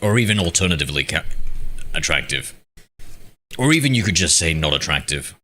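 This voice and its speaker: Deep, bright-toned man streaming. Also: big pitch swings, fairly quick. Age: 30s. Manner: chatty, reads chat aloud and banters back. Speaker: game streamer. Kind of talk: casual live-stream chat.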